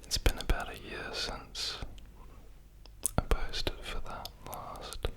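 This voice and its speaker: An ASMR host rambling in a whisper, ear to ear, right up close to stereo microphones, with long drawn-out pauses. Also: fairly bright tone.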